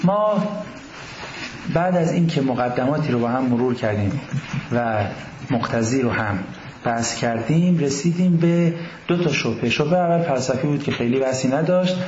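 A man giving a university lecture on religion in a classroom, lively, often posing questions to the class. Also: mid-range voice, echoey room, lo-fi sound, slight background noise.

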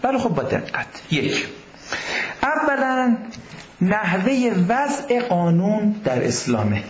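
A man lectures a university class with a lively, questioning manner, his voice sitting a little high. The sound is roomy and echoey, and slightly dull, with faint noise behind it.

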